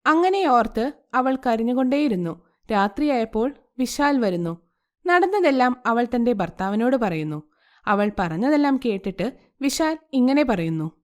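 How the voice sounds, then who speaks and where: A woman narrating a storybook tale with expressive, animated delivery. Her voice is high and swings widely in pitch. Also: moderate pace.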